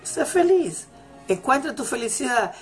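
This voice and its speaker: A woman religious teacher gives a motivational talk, emphatic and repeating her key phrases, while faint celebration music plays in the background. Her voice is high and sing-song, and she speaks unhurriedly.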